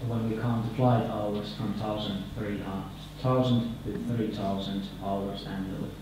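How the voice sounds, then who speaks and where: A man in his thirties with a Finnish accent giving a conference presentation at a podium microphone, halting and repeating words, his phrases trailing off. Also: lowish voice, level tone, background noise. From Finland. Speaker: conference speaker. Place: conference hall, indoors. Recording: echoey hall, picked up from far off.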